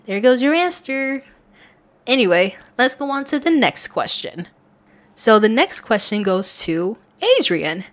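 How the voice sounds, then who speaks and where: A woman who creates audio content reads listener questions and answers them in a casual, earnest, rambling and chatty manner. Her voice is mid-range with a fairly bright tone.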